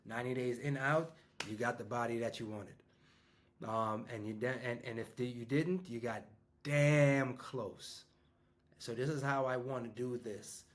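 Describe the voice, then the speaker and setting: A fifty-year-old man, a business coach talking casually to his audience in a rambling way, full of restarts and fillers. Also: mid-range voice. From New York. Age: 50s. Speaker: business coach and school founder.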